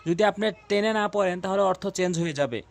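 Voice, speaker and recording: A man's voice: sits high, fast talker, creaky. A man teaching Quran reading in a video lesson, repeating each rule and drilling syllables aloud, with hesitant fillers between phrases. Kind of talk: spoken tutorial lesson.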